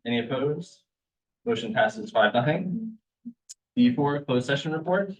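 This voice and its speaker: Man, board president, procedural, brisk, distant mic, dull audio. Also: mid-range voice, animated. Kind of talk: chairing a meeting. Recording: distant, muffled meeting audio.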